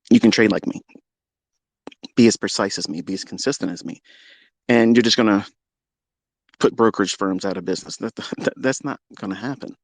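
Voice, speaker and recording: A combative rant comes from a man posing as a trading mentor on a live audio call. Full of swearing and boasts, he goads his challengers, moving from loud jabs to hushed asides, and there is no room sound.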